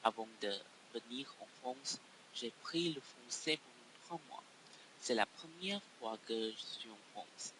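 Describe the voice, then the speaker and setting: A man's voice: medium pitch, lively intonation, a little slow, background noise. A man, a doctoral student carefully reciting a prepared self-introduction in learner's French.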